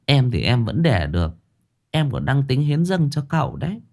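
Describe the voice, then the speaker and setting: A man puts on a gossiping middle-aged woman, pitched high and chatty. Her tone rises and falls with lively tattling, like a storybook character. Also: moderate pace. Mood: gossipy. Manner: gossipy, sighing.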